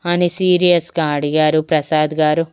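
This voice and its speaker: A woman storyteller reading a romantic story in a calm, even way. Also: low voice, normal speed, clean tone. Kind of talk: scripted story narration.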